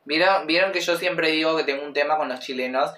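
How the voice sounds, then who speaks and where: Man, casual reaction commentary, bright voice, roomy echo. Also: a little high, fairly quick, far from the mic. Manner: chatty, gushing, analytical.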